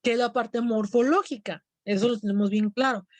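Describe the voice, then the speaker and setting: A woman's voice: fairly high pitch, steady tone, normal speed, no echo. A woman teacher with a Mexican accent lecturing a class, explaining step by step and often checking in with her students. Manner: explanatory, asks students questions.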